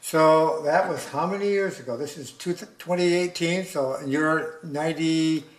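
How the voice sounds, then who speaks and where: A man with a slightly high voice interviews someone casually and attentively. His questions are short and conversational. The room sounds clearly echoey. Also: a little slow.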